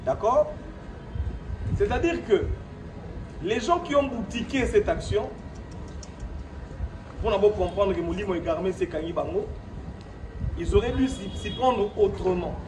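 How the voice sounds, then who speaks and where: Holding a press conference at his own premises in the DRC, a high-voiced Congolese man speaks expressively and unhurriedly, leaving long pauses. His partly improvised statement blends French and Lingala, defiant and emphatic, full of repetition and rhetorical questions. The sound is roomy and echoey, picked up by a distant mic against a noisy background.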